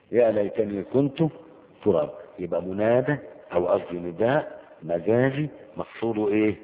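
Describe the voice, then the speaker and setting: A man's voice: on the low side, in a large hall, narrow, tinny audio. A man with an Egyptian Arabic accent teaching Arabic grammar in a colloquial lecture, asking questions and answering them himself. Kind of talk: colloquial lecture with Quranic quotes.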